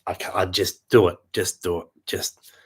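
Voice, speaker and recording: A man in his late thirties, going hoarse as he chats casually to camera, rambling and repeating himself. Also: sits low, flat delivery, normal speed, a little hiss or hum. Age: late 30s. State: losing his voice. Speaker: property vlogger.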